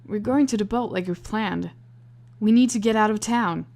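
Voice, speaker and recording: A woman reading aloud, voicing a protective young man who gives firm, steady instructions. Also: medium pitch, moderate pace, gravelly, natural voice.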